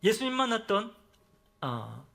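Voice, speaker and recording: Pastor guy giving a sermon, really animated pitch, asks the crowd stuff, trails off soft at the ends. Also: unhurried, gravelly. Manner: preaching with call-and-response questions to the congregation; drops to soft, low endings for emphasis.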